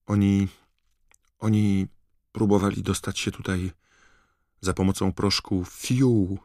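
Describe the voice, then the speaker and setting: A man voicing a polite young teenage boy in an audiobook, explaining things quickly and earnestly. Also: sits low, flat delivery, dark tone, dry recording, clean studio sound, voice pushed up. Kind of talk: audiobook character voice.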